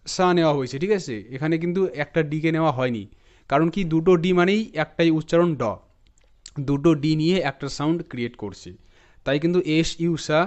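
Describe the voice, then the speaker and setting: A man with a Bengali accent teaching English spelling and pronunciation, explaining patiently, breaking words into parts, repeating them slowly and often checking in with his viewers. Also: a little high, a little mellow, clear, resonant tone, lo-fi sound. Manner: talks straight to viewers, often checking in with "okay?".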